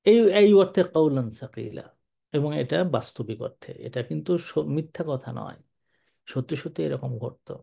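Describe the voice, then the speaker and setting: An older man giving a sermon-style Quran commentary, lively and colloquial, moving between slow Arabic recitation and quick speech. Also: mid-range voice, creaky, slightly rough.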